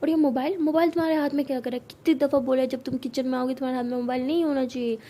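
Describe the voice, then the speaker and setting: A woman voicing a strict, nagging mother who scolds her daughter loudly. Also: sits high, steady tone, very fast, slight background noise, lightly acted. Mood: scolding.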